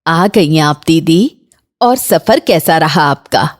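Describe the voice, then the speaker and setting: A woman voicing a stern middle-aged mother-in-law in a cartoon, talking in a measured, commanding way. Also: low voice, animated, pitched below the performer's own voice. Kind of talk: Hindi cartoon voice acting.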